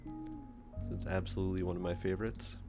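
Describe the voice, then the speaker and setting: A streamer who teaches engineering chats casually live, thinking aloud with ums while working through a design. His low voice swoops wildly in pitch and moves briskly, with background music playing.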